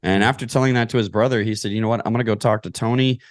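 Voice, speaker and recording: Rapid-fire delivery and fairly even intonation mark this lowish male voice. He's a real estate investor from Kentucky in the United States, methodically and conversationally answering podcast interview questions, heard in clean studio sound with no room reverb.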